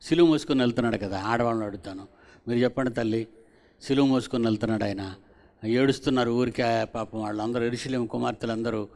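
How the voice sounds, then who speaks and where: A man's voice: medium pitch, quick pace, a little mellow. A man preaching a sermon at a gospel convention. He repeats his phrases and questions the audience directly.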